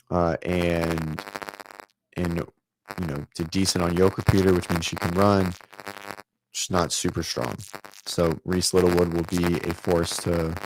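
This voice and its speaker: A man's voice: deep voice, a little hiss or hum. A man hosting a fitness show, chatting loosely about competition results with lots of fillers and the odd swear word, over a call setup. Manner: loose, profane, filler-heavy commentary. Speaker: fitness podcast host. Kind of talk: casual chat. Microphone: remote call setup.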